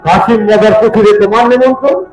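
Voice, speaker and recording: A man plays a booming king in a jatra stage drama. His voice is pitched very high, proud and declamatory, ringing with echo over music. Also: fast talker, natural voice. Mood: wry, measured. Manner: booming, declamatory, grandly regal delivery. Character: proud young Nawab of Bengal, theatrical and commanding. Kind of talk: jatra folk theatre acting. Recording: echoey stage recording with music behind.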